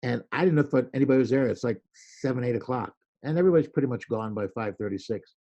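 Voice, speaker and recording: A man telling animated stories in a casual interview, acting out quoted lines with a loud voice. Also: mid-range voice, quick pace, muffled recording. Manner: animated storyteller, acts out quoted lines loudly. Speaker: podcast guest, creativity speaker.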